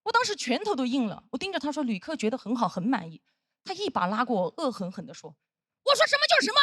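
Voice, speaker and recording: High, lively woman doing stand-up. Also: quick pace. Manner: punchy storytelling with quoted dialogue. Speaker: stand-up comedian. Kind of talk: stand-up comedy routine. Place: stage with live audience.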